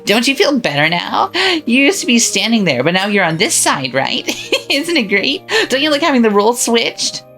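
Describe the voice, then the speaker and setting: For a visual novel, a woman voices a cruel witch, her tone fairly bright and her voice on the high side, very animated at a moderate pace. She mocks and taunts with frequent cackling laughter while faint music plays behind her.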